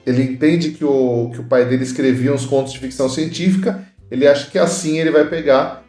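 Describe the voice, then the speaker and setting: A man's voice: medium pitch, fairly even intonation, a little fast, darkish tone, echoey room, soft background music. A man co-hosting a podcast, chatting casually and recounting movie trivia with playful asides. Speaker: podcast co-host. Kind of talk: casual film chat.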